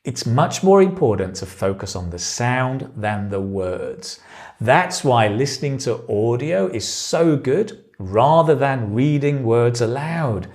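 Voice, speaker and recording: A man teaching a spoken lesson, saying example phrases slowly and clearly. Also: medium pitch, sing-song, darkish tone. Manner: slow, clear delivery that models example phrases. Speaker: English speaking-exam teacher.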